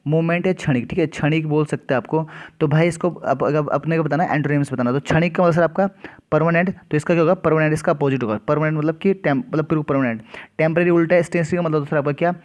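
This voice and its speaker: A man from Uttarakhand teaching English grammar and vocabulary for a government exam in a Hindi-English mix, calling students "bhai" and checking in with "theek hai" after nearly every point, and reading English test sentences out slowly word by word. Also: on the high side. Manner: repeats "ठीक है" and "भाई" constantly, addresses students directly.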